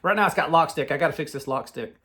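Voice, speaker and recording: A man's voice: a little high, fast, sharp tone. A man with a Southern US accent, chatting casually about his collection in a loose, rambling way full of fillers and restarts. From Southern United States. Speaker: knife collector vlogger. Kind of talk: casual chat.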